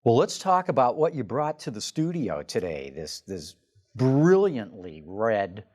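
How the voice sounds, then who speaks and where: A man's voice: on the low side, sing-song, a little mellow. A man hosting a studio talk show, chatting casually and agreeing with his guests. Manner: affirming, with quick interjections.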